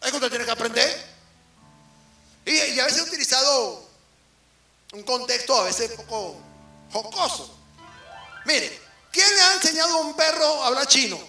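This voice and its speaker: A man with a Venezuelan accent preaching a sermon as an apostle, swinging between loud emphasis and quiet asides and firing questions at the congregation. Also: very high voice, animated, moderate pace, long pauses, far from the mic. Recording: roomy hall from off the mic, faint music.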